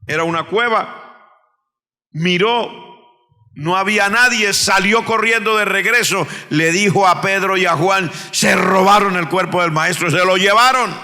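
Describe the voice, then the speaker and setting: A Colombian pastor preaching a sermon in a bright, ringing voice, his pitch sitting on the high side for a man. He drops to near-whispers to tell a story, then climbs to shouted, emphatic preaching. The church hall adds a long reverberant tail. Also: measured pace. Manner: swings between hushed storytelling and shouted preaching. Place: church sanctuary.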